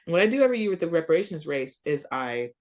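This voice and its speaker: An American woman, a coach and founder, is a guest on a casual podcast, animated and earnest and peppering her talk with "like" and "you know." Her voice sits low and she talks very fast, earnest and emphatic, speeding up in bursts.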